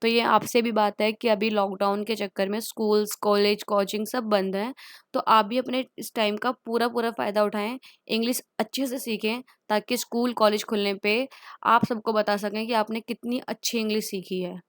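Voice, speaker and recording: A woman with an Indian accent teaching everyday English phrases. She says each phrase twice, very slowly, then explains it quickly. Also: mid-range voice, fairly even intonation, no echo, studio quality. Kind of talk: spoken English lesson.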